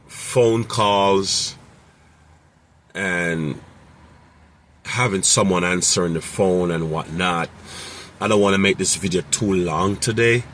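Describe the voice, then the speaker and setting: A man's voice: low-pitched, a bit bright, a little hiss or hum. A man who runs a mobile mechanic business, giving casual, rambling advice with many fillers and repeated phrases.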